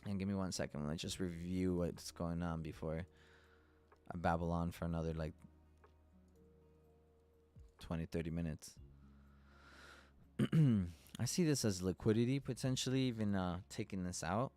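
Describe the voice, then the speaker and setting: Male trading-stream host, lowish voice, relaxed profane chat, soft music bed. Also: moderate pace, pauses often, clear, resonant tone. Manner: loose and chatty, swears casually, laughs often. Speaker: trading educator hosting a live stream. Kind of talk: casual live-stream market analysis.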